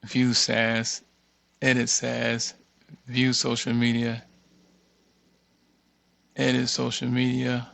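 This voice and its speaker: Thinking aloud through an unscripted screen-share walkthrough, this tutorial host mutters as he reads out items one by one. He speaks slowly in a monotone, medium-pitched, gravelly voice with long pauses and a slightly bright sound.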